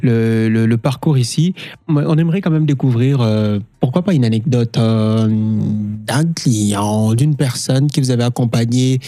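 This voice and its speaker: A male radio host with a dark, mellow voice asks his questions slowly, stopping often to hesitate. His voice sounds dry and close to the mic. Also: medium pitch, dry recording. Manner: halting, many hesitations. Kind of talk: radio interview.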